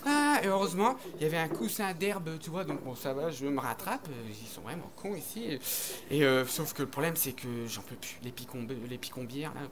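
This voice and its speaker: A man's voice: a little high, expressive, brisk, noisy background. A man doing stand-up comedy on stage, telling a rambling, crude story full of slang and acted-out voices. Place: comedy stage before an audience.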